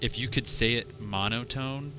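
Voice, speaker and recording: A man's voice: mid-range voice, normal speed, over music. A man chatting casually as a player in a tabletop game.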